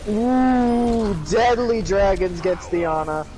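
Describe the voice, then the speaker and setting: A man giving live play-by-play commentary on an esports match, with excited calls and joking asides. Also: high-pitched, slow. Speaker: esports caster.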